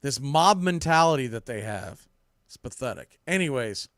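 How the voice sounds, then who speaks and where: This podcast host's voice is medium-pitched, expressive, and fairly bright, moving at a moderate pace. As a sports commentator he gives a ranting, blunt recap laced with mild profanity and emphatic repetition, recorded cleanly in a studio with no echo.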